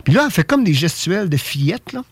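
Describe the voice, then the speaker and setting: A man with a Québécois French accent tells a personal story in a casual, animated way, stumbling over and repeating his words. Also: high-pitched, fairly quick, husky, dry recording. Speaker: guest telling an experience.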